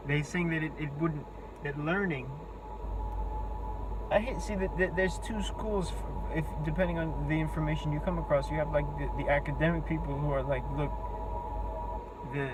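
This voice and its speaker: A man in his twenties with a thin, squeaky voice, talking off the cuff in a halting, rambling way as he searches for words. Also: steady tone, heavy background noise. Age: 20s. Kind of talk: unscripted monologue to camera.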